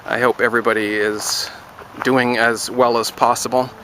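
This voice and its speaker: A man's voice: medium pitch, level tone, normal speed, sharp tone, slight background noise, poor audio. Man vlogging outdoors, wry and rambling. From Canada. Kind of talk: casual vlog monologue. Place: outdoors near a road construction site.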